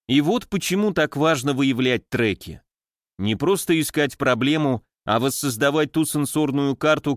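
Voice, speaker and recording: A man giving a calm, measured psychology lesson, speaking directly to the listener in scripted narration. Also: mid-range voice, no room sound, studio quality. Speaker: psychology lecturer.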